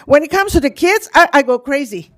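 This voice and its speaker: Animated older woman, talkative, dry sound. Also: sits high, fairly quick, no room sound. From Hong Kong, grew up in Indonesia. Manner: animated, talkative, frequent laughs. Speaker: nonprofit youth program leader. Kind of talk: speaking at a public city meeting.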